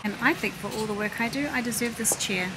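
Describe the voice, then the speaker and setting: A middle-aged woman talks fast over loud background music while narrating her shopping as a vlogger, chatting and thinking aloud as she browses. The setting is a large indoor warehouse store, filmed on a handheld camera by an operator behind it. Loud store ambience, rumble and hum surround her voice.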